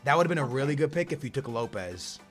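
A young man hosting a gaming video, commentating casually in a slangy, teasing, animated way. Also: medium pitch, quick pace. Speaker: gaming channel host. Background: faint background music.

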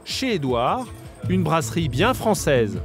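A man's voice: fairly high pitch, sing-song, takes it slowly. A man narrating a documentary report in a scripted voice-over, over a music bed.

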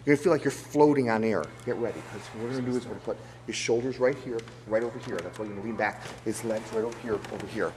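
Fast, commanding male stage hypnotist. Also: on the low side, darkish tone. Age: middle-aged. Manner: commanding, repetitive, insistent instructions. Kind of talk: live stage hypnosis show patter. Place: large theater stage before an audience. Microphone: handheld microphone through hall speakers. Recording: echoey hall, noisy crowd, camcorder audio.

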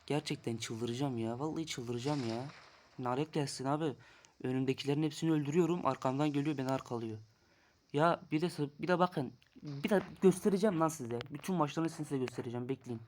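A man's voice: fairly high pitch, quick pace, a little mellow. A young man commenting on his mobile game session, exasperated and ranting about losing, with faint noise and clicks behind. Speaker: gaming YouTuber. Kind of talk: casual gameplay commentary.

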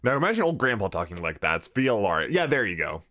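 A man streaming a video game, commenting casually in a joking, swearing, animated way. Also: lowish voice, fast talker.

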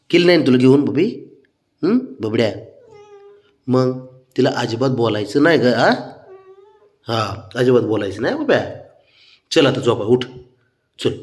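A man's voice: mid-range voice, a little mellow, echoey room. A man talking casually to his pet cat, coaxing and teasing it with cooing nicknames. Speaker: cat owner.

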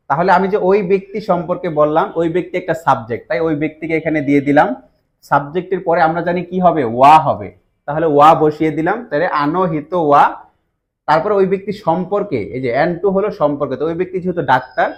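A Bangladeshi man, a language teacher, patiently explaining grammar step by step and asking his students rhetorical questions. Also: on the high side. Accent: Bangladeshi Bengali.

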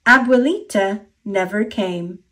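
Reading a children's story aloud, an American-accented woman with a mid-range voice tells it expressively and deliberately.

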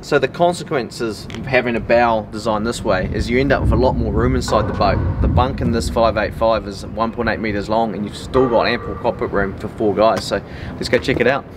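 A man in his thirties with a New Zealand accent casually explains technical details in a plain-spoken way, as a boat builder showing his product. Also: brisk. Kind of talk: casual product walk-through. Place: outdoors in a yard beside a metal boat. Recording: outdoor noise, distant mic, vehicle rumble.

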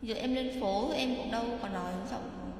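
A woman's voice: on the high side, moderate pace, a little mellow, a little hiss or hum. A woman in casual, teasing chat, joking around with friends. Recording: echoey room with faint music.

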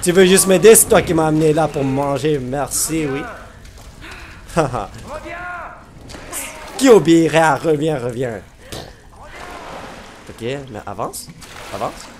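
A man's voice: on the high side, expressive, moderate pace, a little mellow, a little hiss or hum. A man with a Québécois French accent giving let's-play commentary, exclaiming, joking and humming to himself as he plays. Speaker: gamer commentator.

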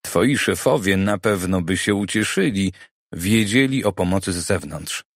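A man's voice: low voice, a little slow, dry recording, clean studio sound. A man voicing a demanding middle-aged businessman who asks blunt, probing questions, in an audiobook. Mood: insistent.

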